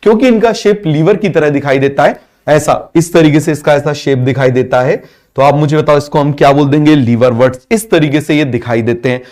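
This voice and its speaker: In a biology class, the male teacher mixes English vocabulary into Hindi, questions students nonstop, and makes them repeat responses. He speaks a little fast, with a slightly high pitch and darkish tone.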